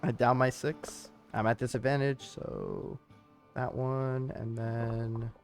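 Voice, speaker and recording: A man playing a tabletop game in casual chat, excitable and laughing often. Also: medium pitch, slow pace, clear, resonant tone, soft background music. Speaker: player.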